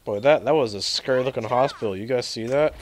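A young man giving live let's play commentary, sarcastic and rambling, reacting loudly to glitches. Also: medium pitch, quick pace, slight background noise. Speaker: gaming commentator.

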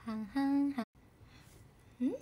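A young woman idol chatting casually on a livestream, bubbly and giggly, soft-spoken as she reads out viewer comments. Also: high voice, fairly even intonation, takes it slowly, a little hiss or hum.

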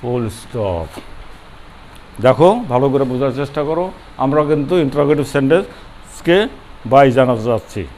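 A man's voice: mid-range voice, expressive, moderate pace, pauses often, a little mellow, a little hiss or hum. An older man, a former college principal, giving a grammar lecture to students, stressing words, repeating them and sounding them out syllable by syllable. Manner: emphatic, repeats key words, breaks words into syllables; asks students questions and answers them himself. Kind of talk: classroom lecture.

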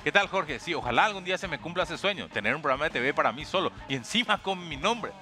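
Man, Paraguayan accent, comedy host, sarcastic mock-serious delivery, very animated pitch, faint music underneath. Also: fast talker. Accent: Paraguayan Spanish. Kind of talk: satirical comedic commentary reading viewer comments.

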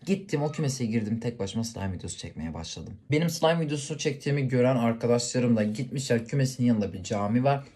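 A man's voice: mid-range voice, expressive, quick pace, hardly any pauses, mellow. A man vlogging, telling a story casually to the camera and talking straight to his viewers. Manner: chatty, addresses viewers directly.

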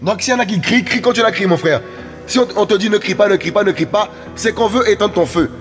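A man's voice: high voice, quick pace, in a large hall, soft background music. A man preaching a fiery sermon, exhorting and repeating words as he urges his listeners on.

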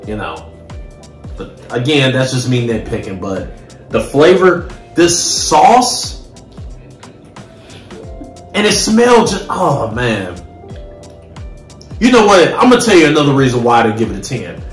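An American man in his thirties reviews food on camera, chatting casually and emphatically in slang. His mid-range voice is very animated, with a measured pace and frequent pauses. The home recording is roomy, with faint music behind him.

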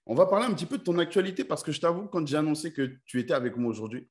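A young man from France hosting a video-call interview, chatty and enthusiastic, from a bright room at home. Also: a little high, expressive, racing. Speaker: interview host.

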